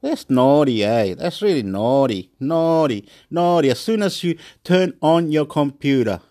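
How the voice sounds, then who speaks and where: Excitable man ranting. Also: on the high side, unhurried. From Chile. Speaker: YouTube vlogger. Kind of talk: rambling angry rant.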